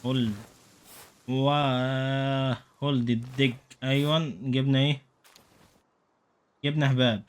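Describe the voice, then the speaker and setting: Excitable Egyptian man playing a game. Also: mid-range voice, unhurried, long pauses, clean tone. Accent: Egyptian Arabic. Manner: joking, excitable, talks to the game. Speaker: gaming YouTuber. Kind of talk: let's play commentary.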